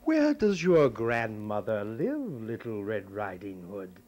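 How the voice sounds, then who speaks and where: A man's voice: fairly low pitch, wildly swooping pitch, darkish tone, pitched below the performer's own voice, full character voice. A man voicing a sly, nasty male wolf in a fairy tale, drawing out his falsely sweet words. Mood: oily. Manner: slow, drawn-out, falsely sweet.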